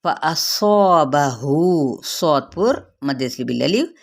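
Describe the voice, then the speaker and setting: A woman with a Pakistani Urdu accent teaching tajweed, drawing out each word of recitation slowly and then explaining the rule. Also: deep voice, animated. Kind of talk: tajweed lesson.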